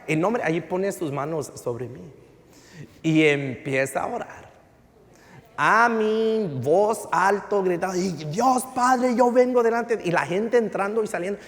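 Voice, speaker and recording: A male pastor, telling a story in a relaxed sermon and slipping into English phrases. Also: high voice, measured pace. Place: church sanctuary. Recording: reverberant church hall.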